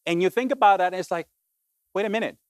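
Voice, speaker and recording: A man's voice: high-pitched, fast talker, smooth, no room sound. Emphatic man from Colombia giving a talk. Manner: animated, emphatic, often repeats "basically". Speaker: keynote speaker. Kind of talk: motivational talk to an audience.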